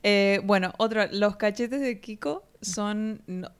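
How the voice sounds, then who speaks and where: A woman sharing trivia in a relaxed casual chat, often pausing on fillers. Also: mid-range voice, smooth. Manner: relaxed, trails off in fillers, lists facts.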